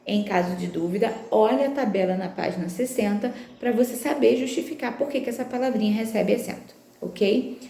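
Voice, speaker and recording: A woman's voice: on the high side, fairly quick, creaky, dark tone, reverberant. Woman teaching, patient and step by step. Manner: patient, explains step by step, checks in often with "tá bom?" and "né?". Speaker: Portuguese language teacher. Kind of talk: recorded remote lesson walking through textbook exercises.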